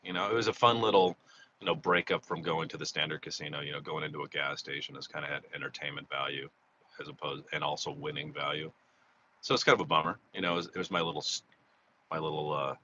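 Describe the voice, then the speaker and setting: A man's voice: a bass voice, bright, forceful tone. A man getting over a cold, chatting casually and rambling through a live stream outdoors near a freeway. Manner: rambling, chatty, restarts a lot. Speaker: slot vlogger doing a live monthly recap. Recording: slightly dull, faint freeway noise.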